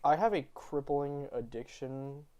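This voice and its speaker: A man's voice: mid-range voice, measured pace, warm tone, smooth. A young man hosting a casual podcast chat with friends, joking loosely and swearing often. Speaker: podcast host.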